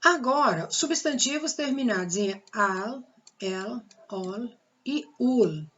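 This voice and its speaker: A woman's voice: on the high side, expressive, slow, a bit bright, muffled recording. A woman teaching a grammar lesson with a Brazilian Portuguese accent, patiently repeating the rules and asking rhetorical questions.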